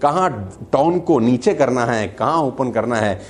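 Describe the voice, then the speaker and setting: A man's voice: mid-range voice, lively intonation, unhurried. A man giving an emphatic motivational talk who acts out quotes and jokes. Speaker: motivational speaker.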